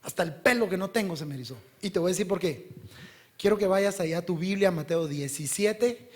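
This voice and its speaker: A male pastor preaching a sermon, talking directly to the listener and swinging between loud bursts and hushed lines. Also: high voice, a little fast.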